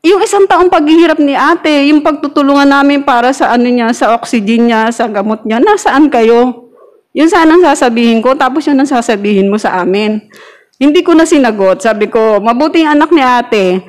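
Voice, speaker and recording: A woman's voice: sits high, fairly quick. A middle-aged woman sharing a personal testimony in a church group, chatty and laughing often as she acts out quoted arguments.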